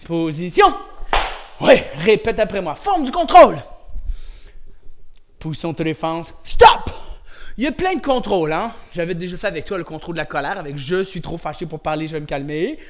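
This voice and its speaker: Lively Quebec French karate coach, man. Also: a little high, fast. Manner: coaching, counting aloud and shouting drill commands; laughs often, speaks gently when explaining. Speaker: karate instructor. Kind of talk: energetic online kids' martial arts class.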